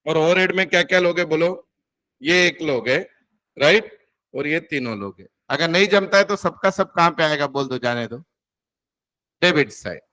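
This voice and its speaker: A man's voice: fairly high pitch, expressive, normal speed, pauses often, sharp tone. Man teaching accounting class. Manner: coaxing, addresses students as beta, quizzes them. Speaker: accounting tutor.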